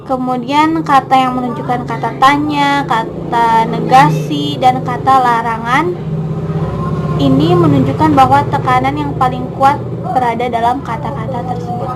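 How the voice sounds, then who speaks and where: Young female student presenter, high-pitched, explanatory, noisy room. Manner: explanatory, addresses classmates with fillers. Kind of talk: class presentation.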